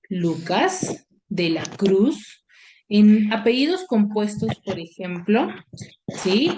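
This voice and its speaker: A woman's voice: medium pitch, a little mellow, a little hiss or hum. A woman teaching an online class. She explains step by step and keeps checking in with her pupils through short questions. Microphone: video call.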